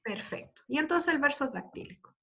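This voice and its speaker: High bright woman teacher over a dull lo-fi call, keeps asking the class if they're following, patient. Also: animated, fairly quick. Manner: checks in constantly with tag questions; patient, walks students through examples. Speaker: literature teacher. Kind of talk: online class lecture. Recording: dull lo-fi audio.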